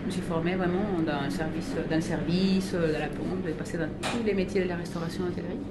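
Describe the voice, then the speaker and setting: Chilean-born woman in her 40s, kinda low voice, lots of ums, echoey room with loud noise behind. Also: fairly even intonation, fast talker. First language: Spanish. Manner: thoughtful, many hesitations. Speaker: interviewee, restaurant owner. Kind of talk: interview answers.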